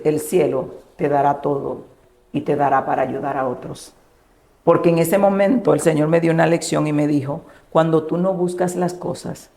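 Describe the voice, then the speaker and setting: Woman pastor telling her testimony. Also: deep voice. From Dominican Republic. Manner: storytelling, acting out quoted dialogue in a hushed voice. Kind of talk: emotional personal testimony.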